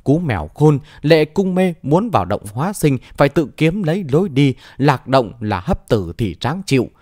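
A man's voice: a little high, sing-song, moderate pace, a little mellow, dry recording. A sly palace gatekeeper woman, as a male reader puts her on, who laughs off threats with curt, mocking words. Her storybook voice rises and falls freely and is recorded dry and close.

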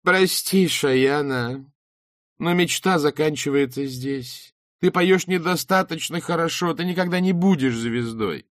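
Man voicing a woman judge, high sugary cooing, two-faced, storybook. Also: a little slow, no echo, studio quality. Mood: cloying. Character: syrupy, two-faced female talent-show judge.

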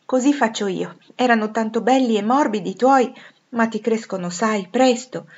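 A woman voicing a sweet, shy young girl speaking softly and consolingly. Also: on the high side, moderate pace, dull audio, voice pushed up, natural voice.

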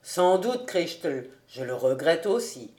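A woman reading aloud who voices a kind, cheerful young gentleman in a lowered voice. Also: very animated, takes it slowly, echoey room, exaggerated voice. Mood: regretful.

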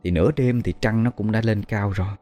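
A man with a Southern Vietnamese accent hosting a ghost story, speaking in a measured, hesitant way with fillers. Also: fairly low pitch, dark tone. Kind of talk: storytelling narration.

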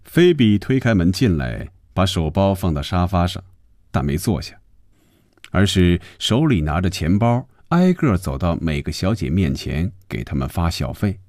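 A deep-voiced man narrating a novel for a radio audiobook. He tells it expressively, his low voice rising and falling widely. The recording is dry and close. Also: dry recording. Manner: expressive, fluid storytelling.

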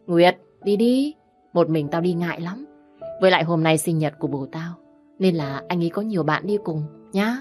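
A bossy, wheedling young woman friend, as a woman reader puts her on in a storybook reading, pitched a little higher and louder than the low narration. She pleads and teases in a quick, pushy way. Soft music plays underneath. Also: natural voice. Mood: pleading.

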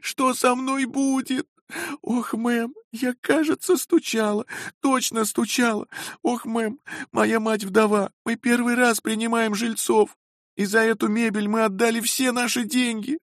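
A wailing, sobbing young maid. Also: male voice, very high-pitched, flat delivery, a bit bright, no echo, studio quality, voice pushed up, exaggerated voice. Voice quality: wailing, tearful. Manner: slow, sobbing pleas. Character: weepy meek young maid.

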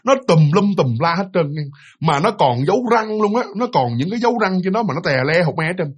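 A man, telling a ghost story in a lively, vivid way and often speaking straight to his listeners. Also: high voice, fast talker, breathy edge. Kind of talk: casual spoken ghost story.

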